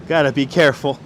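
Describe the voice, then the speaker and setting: A livestream host with a fairly high voice walks a city street, talking casually into a clip-on wireless mic amid slight background noise. Chatty and chuckling often, he reads the chat aloud and talks with his viewers.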